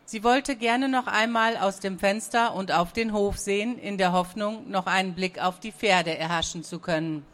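A woman narrating a children's story in a calm, even, scripted reading. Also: medium pitch, normal speed, hardly any pauses.

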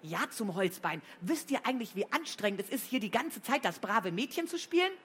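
A woman reading a storybook, voicing a cheeky, quick-tempered schoolgirl from a pirate family who talks brisk and defiant. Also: a little high, very animated, fairly bright tone, breathy edge, voice pushed up, heavily acted.

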